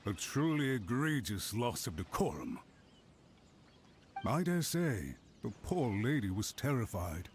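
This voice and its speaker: An actor playing a haughty, villainous clan lord in a video game, with a theatrical, sneering, mock-polite delivery. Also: male voice, mid-range voice, big pitch swings, measured pace, slight background noise. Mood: mock indignation. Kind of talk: scripted video game voice acting.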